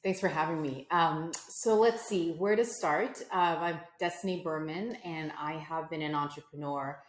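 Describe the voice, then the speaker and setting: An American entrepreneur in her forties, appearing as an interview guest, reflects conversationally with frequent fillers and restarts. She speaks at normal speed in a low voice, and the recording is reverberant.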